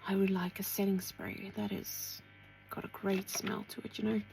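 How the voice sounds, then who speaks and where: Woman, beauty vlogger, gravelly voice, casual makeup chat, soft asides to herself. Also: mid-range voice, level tone, moderate pace, faint music behind, low-quality recording. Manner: chatty, talking to herself while applying makeup, drops to soft asides.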